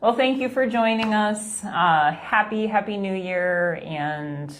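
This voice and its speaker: A woman host chatting casually in a playful, animated, jokey way. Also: medium pitch, slow pace. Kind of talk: casual chat.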